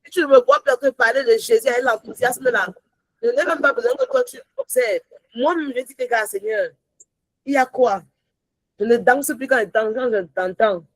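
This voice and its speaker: A woman teaching a sermon with great animation, slipping English phrases into her French and swinging from shouts to soft whispers. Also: fairly high pitch, normal speed, no room sound, low-quality recording. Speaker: prayer teacher.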